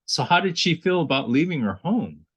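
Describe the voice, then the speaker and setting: A man's voice: fairly high pitch, sing-song, moderate pace, a bit bright, slightly rough, highs cut off. A man hosting an interview, asking curious, encouraging questions. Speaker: interview host. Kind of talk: conversational interview.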